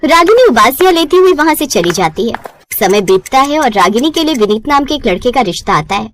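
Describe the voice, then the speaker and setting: A woman's voice: high-pitched, very animated, a little fast, slight background noise. A woman giving scripted narration for a cartoon story.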